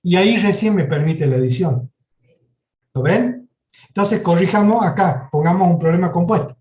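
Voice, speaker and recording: A man's voice: high voice, moderate pace, darkish tone. Man lecturing, roomy echo. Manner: step-by-step, often checks in with "¿sí?". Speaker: university programming teacher. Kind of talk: live lecture with software demo. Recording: echoey classroom recording.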